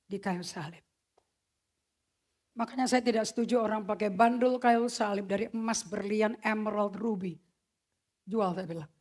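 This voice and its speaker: A woman preaching a sermon, emphatic and slipping English phrases into her talk. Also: fairly high pitch. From Indonesia.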